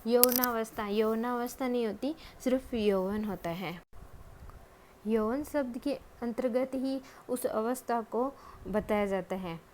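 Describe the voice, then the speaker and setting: A woman giving a Hindi spelling lesson, speaking patiently and deliberately and pausing often to think. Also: a little high, darkish tone, slight background noise. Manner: patient, deliberate, many drawn-out hesitations. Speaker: Hindi grammar teacher.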